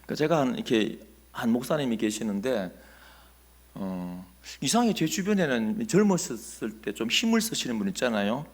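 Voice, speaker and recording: A male pastor, preaching a Sunday sermon as an animated storyteller who asks the congregation questions. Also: medium pitch, moderate pace.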